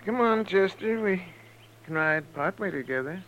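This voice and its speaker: An actor playing a rueful American frontier country doctor in a 1950s radio western, folksy and musing. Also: male voice, sits high, animated, moderate pace. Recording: dull, noisy old radio recording.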